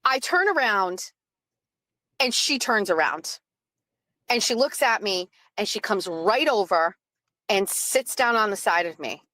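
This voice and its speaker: A woman's voice: mid-range voice, animated, a little slow, long pauses, pushed and bright, no echo. Rambling woman streamer, dry close voice. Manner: rambling with frequent "like" fillers and laughs; reads and answers chat comments. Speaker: live streamer. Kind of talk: casual storytelling on a live stream.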